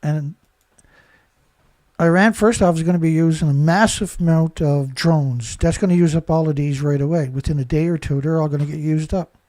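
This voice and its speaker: A man from Canada runs his own news commentary with a stuffed-up nose, rambling indignantly and tossing out rhetorical questions. At a normal speed and with fairly even intonation, his mellow voice sits fairly high for a man. The audio is close and dry, with no echo.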